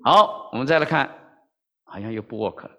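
The audio is dull and the space is a large hall, where a medium-pitched man speaks fairly quickly. He's a pastor giving a Mandarin church-style sermon built around a story, voicing the characters with energy and peppering in "OK?" to the crowd.

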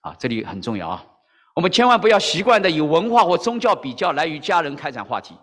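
A man's voice: a little high, quick pace, long reverb tail. A male pastor preaching in Mandarin-speaking church style, telling a story and acting out the voices, often checking in with listeners. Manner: animated, acts out dialogue, frequent "OK?" to the audience. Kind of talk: sermon with storytelling.

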